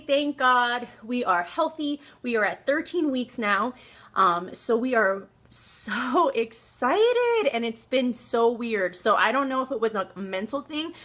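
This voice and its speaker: A young woman vlogger telling a personal story in a casual, animated way, laughing often. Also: on the high side.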